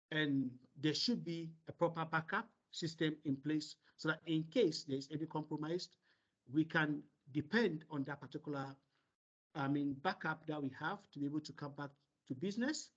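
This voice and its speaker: A man moderating an online seminar over a video call, relaying questions and explaining in a halting way with many pauses. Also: on the high side. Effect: heard over a video call. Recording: dull lo-fi meeting audio.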